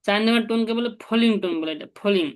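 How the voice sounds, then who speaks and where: Her voice on the high side, a fast-talking woman teaches a language lesson. She patiently lays out each step and has the learner echo her.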